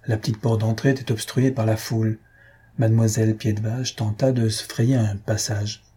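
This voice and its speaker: A man reading a comic novel aloud as an audiobook narrator, in a steady, measured storytelling manner with a husky voice. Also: lowish voice.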